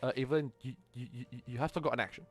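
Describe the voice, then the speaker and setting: A man's voice: mid-range voice, steady tone, racing, faint music behind. A man narrating as game master, often stumbling and restarting his words. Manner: stammering, frequent restarts.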